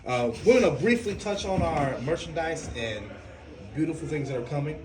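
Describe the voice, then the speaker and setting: A man hosts a relaxed podcast and keeps things moving with teasing jokes. His voice rings in an echoey room with clear background noise. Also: fairly high pitch, moderate pace. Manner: teasing, hosting banter. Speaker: podcast host. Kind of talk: casual chat.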